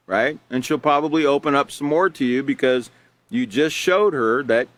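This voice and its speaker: A man's voice: fairly high pitch, fairly bright tone, no room sound. Patient man teaching a class, dry sound. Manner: patient, repetitive, asks rhetorical questions and answers them. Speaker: character education teacher. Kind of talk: live online class, reading examples and explaining.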